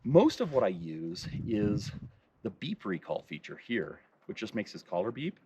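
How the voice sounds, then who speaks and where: A man on his ranch, casually explaining how he trains his dog, with bursts of high praise for the dog. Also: big pitch swings, normal speed, far from the mic, noisy background. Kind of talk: casual vlog narration and dog commands. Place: outdoors on a ranch.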